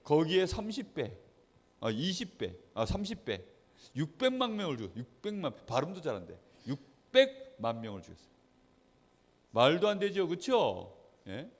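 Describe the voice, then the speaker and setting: A man preaching a children's sermon as pastor, animated storytelling, asking the children questions and acting out quotes. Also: fairly high pitch, normal speed, long reverb tail. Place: church hall.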